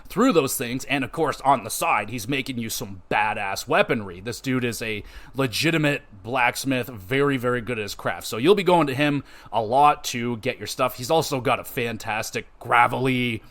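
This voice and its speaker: A man's voice: mid-range voice, moderate pace, few pauses, fairly bright tone. A man hosting a podcast, giving a loose, profane, casual game review with plenty of fillers and restarts.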